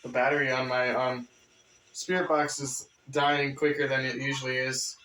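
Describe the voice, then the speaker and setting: A man at a paranormal session uneasily describes his sensations. His voice is flat in pitch and bright. The sound comes from away from the mic in an echoey space. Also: normal speed, distant mic. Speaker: paranormal investigator using a spirit box.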